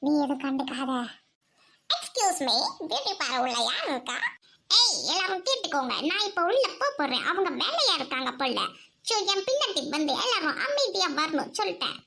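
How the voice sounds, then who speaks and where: A woman's voice: extremely high pitch, sing-song, fairly quick, sharp tone. A woman dubbing a kids' cartoon, bossy and teasing in her lines. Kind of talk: cartoon dubbing, many voices. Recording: noisy homemade recording.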